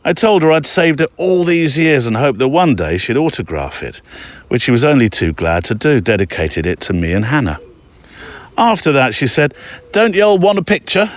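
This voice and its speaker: A man hosting a podcast, reading a listener's letter aloud in a chatty, digressive way with quick asides. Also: medium pitch, sing-song. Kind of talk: casual storytelling read-aloud.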